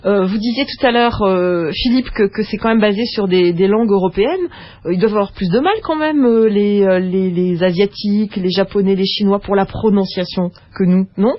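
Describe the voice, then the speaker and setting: A woman's voice: mid-range voice, moderate pace, no room sound. A woman hosting a radio talk show, asking her guests conversational follow-up questions. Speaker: radio host. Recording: dull lo-fi radio recording.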